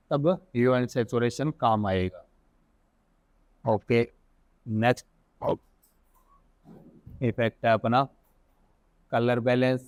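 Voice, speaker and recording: Casual Indian man teaching software. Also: mid-range voice, dry recording. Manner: casual, thinks aloud, corrects himself. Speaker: software instructor. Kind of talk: screen-recorded software tutorial.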